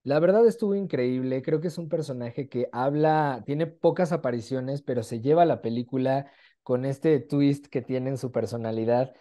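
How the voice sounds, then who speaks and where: Over a video call from a small home room, a young man with a Mexican accent conducts a casual interview in a mid-range voice at a normal speed. His tone stays relaxed and mellow while his manner is chatty and eager.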